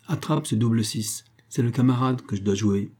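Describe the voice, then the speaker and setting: A man's voice: mid-range voice, normal speed, darkish tone, close to an everyday voice. A man reading an audiobook, voicing a grumpy male domino player who mutters curses at the whole world. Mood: grumbling.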